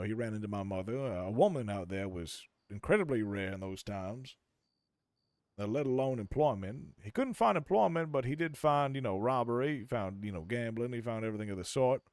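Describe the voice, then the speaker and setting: A man's voice: lowish voice, no room sound, clean studio sound. A man role-playing a reflective Californian drifter in the Old West, with an American accent and a folksy, theatrical way of repeating himself for emphasis. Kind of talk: improvised Western role-play.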